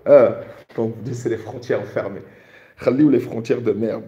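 Echoey man chatting on a livestream, mellow voice. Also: medium pitch, moderate pace. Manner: informal, repeats greetings, mixes in Arabic phrases. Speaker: livestream host. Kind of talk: casual livestream chat, greeting viewers. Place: indoors in a bare, echoing room. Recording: hallway-like echo, resonant bare room.

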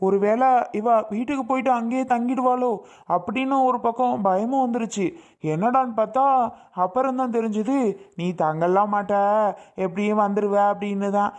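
A woman playing a teasing, bossy young partner who scolds with quick retorts. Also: fairly high pitch, fairly even intonation, darkish tone, lightly acted. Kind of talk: comedic family skit acting.

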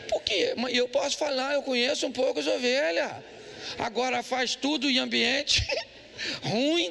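A man's voice: extremely high pitch, creaky, sharp tone, a little hiss or hum. A man preaching a humorous sermon as pastor, quizzing the congregation with jokes. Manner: joking storyteller, quizzes the congregation. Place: church.

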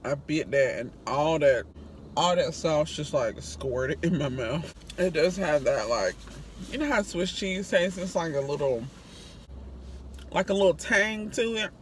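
A woman's voice: sits low, expressive, measured pace. A woman hosts a casual food review vlog and talks to her viewers in a chatty, friendly way. She records from inside a vehicle. A faint hum of road noise sits in the background. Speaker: food reviewer and channel host.

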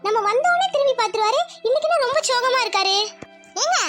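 A woman voicing a lively, emotional young village woman in love in a cartoon. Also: extremely high pitch, no room sound, studio quality, soft background music. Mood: pleading. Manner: quick, chattering, pleading. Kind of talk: cartoon voice acting.

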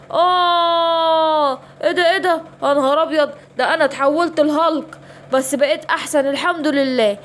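Brief: woman doing a high, busy mama lioness, Egyptian, storybook. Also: a little hiss or hum. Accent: Egyptian Arabic. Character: caring mother lioness. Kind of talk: children's bedtime story voicing.

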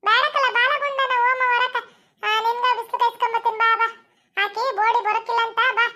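A woman's voice: very high-pitched, level tone, brisk, bright, forceful tone. A young woman playing a bossy, chatty village mother who scolds and coaxes babies in a sing-song way, with a North Karnataka Kannada accent. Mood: teasing. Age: young adult. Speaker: comedy skit performer. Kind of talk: village comedy skit.

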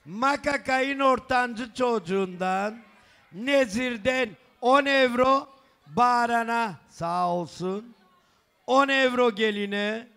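A man working as a wedding announcer, booming out gifts and sums in drawn-out calls and bantering with guests. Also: pushed and bright, clean tone. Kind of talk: loud festive announcement of gifts, counting sums aloud. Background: celebration music.

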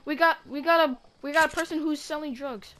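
A woman's voice: high-pitched, steady tone, brisk, a crowd in the background. A woman role-playing in a video game, goofy and bossy, calling out orders to the group.

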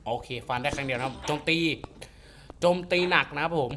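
A man's voice: mid-range voice, fairly quick. Guy hyped up playing a fighting game, lots of oohs and wows, game music going behind. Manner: excitable, exclaims and gasps often. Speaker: game reviewer. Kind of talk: excited gameplay commentary. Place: home beside a busy road.

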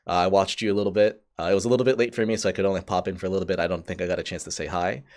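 Young male co-host, deep low voice, relaxed and joking, loose fillers. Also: rapid-fire. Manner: laid-back, filler-heavy, jokey. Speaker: stream host. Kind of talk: casual livestream chat.

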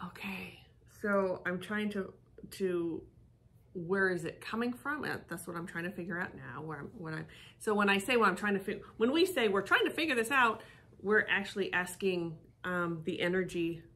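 A woman's voice: mid-range voice, lively intonation, moderate pace, fairly bright tone. A middle-aged woman giving casual commentary, thinking aloud and searching for her words. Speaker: psychic co-host of a reaction show. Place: living room with fireplace, indoors.

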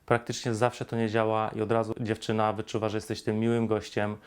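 Flat low-voiced man coaching on dating. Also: a little fast, clean tone. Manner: instructive, addresses viewer directly, acts out pickup lines. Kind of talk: direct-to-camera advice talk.

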